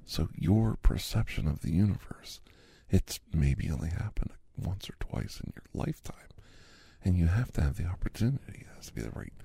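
A man's voice: sits low, expressive, moderate pace, creaky, dark tone, breathy edge, dry recording, heavily acted. A man doing a whispered role-play as a chatty doctor in his fifties who gives a massage, rambling easily in a half-whispered voice. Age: 50s. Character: chatty fifty-something male doctor giving a massage. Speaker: ASMR host.

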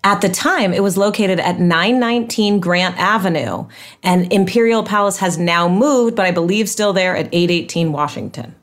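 A woman's voice: fairly low pitch, normal speed. A woman co-hosting a casual podcast, gushing enthusiastically and sharing trivia. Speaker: podcast co-host. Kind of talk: casual rewatch podcast chat.

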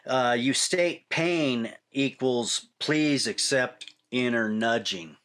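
A male interview host who talks slowly and deliberately. He draws out his phrases and pauses on fillers as he muses over what his guest has said. His voice sits at a middle pitch. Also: fairly bright tone. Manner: slow, musing, drawn-out phrasing with fillers. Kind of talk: interview conversation.

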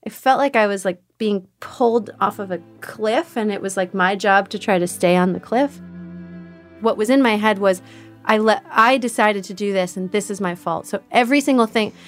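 Woman candidly retelling a hard birth. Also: medium pitch. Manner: candid, animated retelling with quoted voices. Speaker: podcast guest. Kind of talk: personal storytelling.

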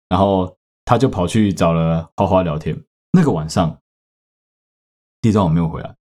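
A man with a Taiwanese Mandarin accent, telling a story casually on a podcast and swearing in sudden loud outbursts. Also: deep voice. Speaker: podcast host.

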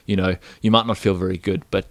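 A man's voice: deep voice, flat delivery, quick pace, dry recording. A man in his thirties talking casually and reflectively in an interview as an athlete. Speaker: professional triathlete, interviewee.

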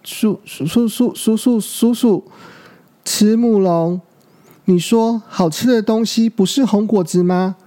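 Man doing a small boy dinosaur, high and pleading, with a gravelly edge; storybook. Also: lively intonation, a little slow, dark tone, heavily acted. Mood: alarmed. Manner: pleading, insistent. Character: frightened little boy dinosaur, earnest, stubborn.

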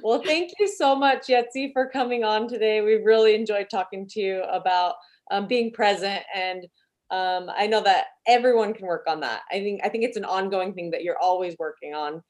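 A woman hosts a podcast in a relaxed, friendly tone. Her voice sits at a middle pitch. She introduces and thanks her guest. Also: normal speed. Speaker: podcast host. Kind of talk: casual podcast chat.

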